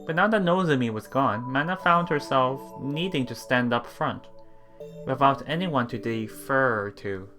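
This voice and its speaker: With a sharp-toned, medium-pitched voice that is animated yet unhurried, a let's play streamer reads through a visual novel. After tripping over words they repeat lines, and they murmur reactions between passages as game music plays.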